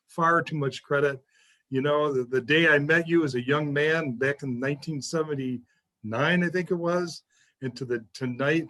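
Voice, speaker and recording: A man speaking with halting emotion and gratitude as a guest on a video call. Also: mid-range voice, a bit bright.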